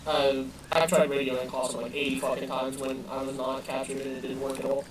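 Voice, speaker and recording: A man's voice: mid-range voice, little pitch movement, a little fast. A man in casual military game voice chat, talking in an offhand, sweary way. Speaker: player acting as wounded captive in a military simulation. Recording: distant echoey game voice chat, noisy.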